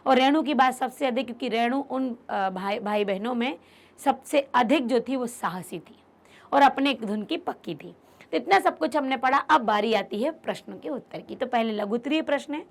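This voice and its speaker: A woman teaching a literature lesson, restating each point in simpler words and putting questions to her students. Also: high voice. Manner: explains by rephrasing terms in simpler words. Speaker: Hindi teacher. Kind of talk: online class lecture.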